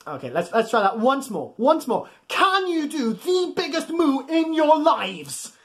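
Sing-song and very high, with a fairly bright tone and a measured pace, a man's voice reads a bedtime story. He's in his thirties, reading playfully and with exaggeration to young children in a small furnished home room, inviting them to join in.

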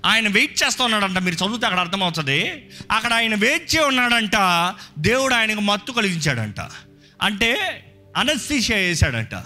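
A man preaching in a church service, his voice sitting fairly high and ringing very bright. He drives his points home with emphatic rhetorical questions to the congregation. Faint music lingers under his words. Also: animated, brisk. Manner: answers a scripture reader with short affirmations. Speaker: pastor. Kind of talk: sermon.

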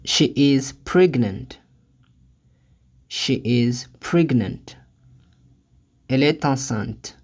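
Language lesson reader, extremely slow, deliberate, each phrase said twice then translated, mid-pitched voice. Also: expressive, a little mellow. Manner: careful, deliberate delivery. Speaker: language teacher.

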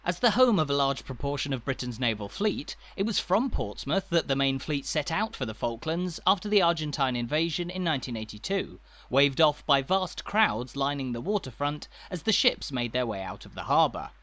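A man narrating a walking tour in a measured, informative way. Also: fairly high pitch, big pitch swings, fairly bright tone. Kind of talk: scripted narration.

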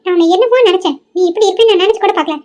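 A woman's voice: extremely high pitch, racing, darkish tone, pitched above the performer's own voice. A woman voicing a stern, disappointed old grandmother in a cartoon, lecturing reproachfully.

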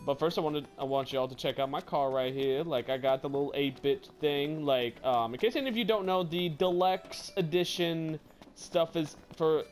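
Man, casual gameplay commentary, rambling, apologetic, profane, coughing, faint music. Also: medium pitch. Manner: rambling, apologetic, swears a lot. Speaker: gaming YouTuber.

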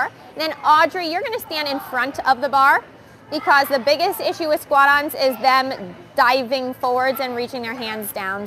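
A young woman coaching kids in a gymnastics gym, explaining stations calmly to viewers and calling out loudly to the girls. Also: high-pitched, slight background noise. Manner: upbeat, switches between calm explaining and loud calls to the kids. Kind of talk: live coaching demo addressing kids and viewers. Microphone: wearing the microphone.

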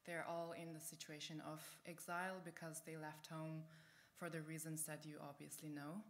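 A woman's voice: low-pitched, level tone. A woman from the Uyghur region of China introducing a speaker on stage. She hesitates often and restarts her sentences. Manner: halting, with many fillers and restarts. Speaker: event curator introducing the speaker. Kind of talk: onstage introduction.

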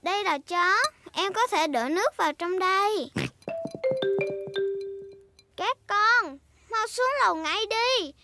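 A very high-pitched little girl piglet from a cartoon, bossy and cheerful. She speaks slowly and emphatically, in a chatty childish way, with music playing strongly behind her. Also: animated, heavily acted. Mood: bossy, playful. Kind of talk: cartoon dubbing.

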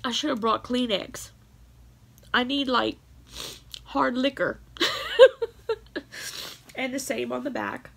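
A woman's voice: fairly high pitch, takes it slowly, creaky, long pauses, fairly bright tone, slightly rough. A woman vlogging at home as she opens a craft swap package, gushing and emotional, close to tears, with many laughs and exclamations. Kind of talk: casual chat to camera. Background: crinkling packaging and bubble wrap.

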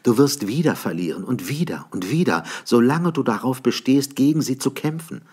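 A man's voice: mid-range voice, lively intonation, moderate pace, a little mellow, breathy edge, voice pushed up. A man voicing a grieving female talking mare who pleads with her lover in an audiobook. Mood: pleading. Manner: pleading, tearful.

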